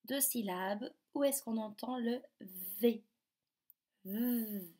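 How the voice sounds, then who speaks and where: A woman teacher giving a phonics lesson to young children, slowly sounding out syllables and words. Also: on the high side, warm tone. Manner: slow, carefully articulated, sounding out syllables. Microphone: device camera.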